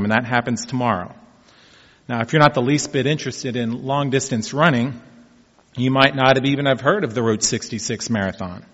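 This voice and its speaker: A man in his fifties talking casually about taking up marathon running, telling his story in a folksy, reflective way. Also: medium pitch. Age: 50s. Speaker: amateur marathon runner. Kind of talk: casual personal vlog talk. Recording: dull echoey room sound.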